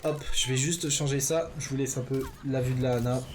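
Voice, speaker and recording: With a medium-pitched, steady voice and slight background noise, a man provides live commentary on an esports match. He keeps it chatty and relaxed, filling silences with fillers and amending his slip-ups quickly.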